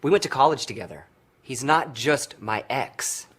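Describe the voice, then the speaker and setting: A man's voice: medium pitch, expressive, moderate pace, a bit bright, husky. Brief: a defensive, bickering man, plain mid voice. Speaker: groom-to-be. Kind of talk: film acting.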